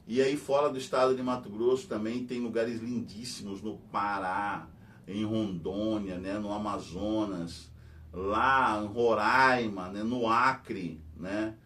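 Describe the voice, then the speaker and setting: Middle-aged brazilian man rambling on his news channel, lots of fillers, a bit far from the mic, low rumble. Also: steady tone, slow, fairly bright tone. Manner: rambling, filler-heavy, tag questions. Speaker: history and philosophy teacher hosting a news channel. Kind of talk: rambling casual commentary. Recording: distant mic with faint rumble.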